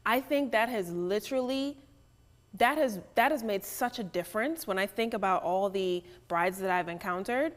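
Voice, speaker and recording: A woman's voice: mid-range voice, normal speed, long reverb tail. A woman who works in bridal beauty, speaking as a guest in casual chat and often asking "right?". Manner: conversational, often adds "right?".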